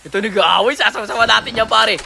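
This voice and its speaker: Excitable gamer, squealing highs, gunfire behind. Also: male voice, fast, gravelly, a little hiss or hum. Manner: excitable, swings from low mutters to high squeals and shouts. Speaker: gaming streamer. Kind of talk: casual live game commentary. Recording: game audio with gunfire behind.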